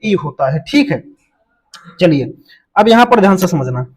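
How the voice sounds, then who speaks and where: High-voiced male teacher drilling answers. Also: big pitch swings, normal speed. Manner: drills students with repeated questions and answers; jokey memory tricks, drops pitch on answers. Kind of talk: exam-prep lesson.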